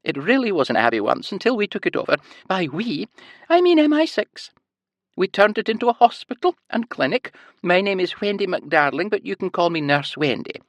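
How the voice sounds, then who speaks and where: A man voicing a small, elderly, cheery Scottish woman nurse who talks in a high sing-song and leans on certain words. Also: big pitch swings, moderate pace, no echo. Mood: sweetly cheery.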